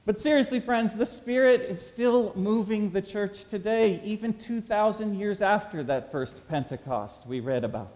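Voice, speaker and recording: A man delivers a sermon from the front of a church sanctuary, reading scripture and telling a story with animated emphasis. His voice sits fairly high for a man, and a long reverb trails each phrase through the room. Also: normal speed, few pauses. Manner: animated preaching, reads scripture then tells a story. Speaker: pastor.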